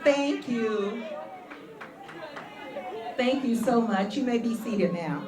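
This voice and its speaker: Exuberant woman speaker at a graduation, high voice, roomy hall sound. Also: expressive, takes it slowly, a crowd in the background, noisy background. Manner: exuberant, laughing, repeats lines for emphasis. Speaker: graduate and university staff speaker. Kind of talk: excited commencement speech. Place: large ceremony hall. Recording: echoey hall on a PA mic.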